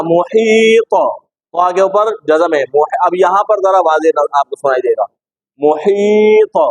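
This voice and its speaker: A man's voice: high-pitched, no room sound, rough recording. A man teaching a class how to recite words correctly, repeating each word many times and correcting his students. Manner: asks the class questions and corrects them. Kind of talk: classroom tajweed lesson.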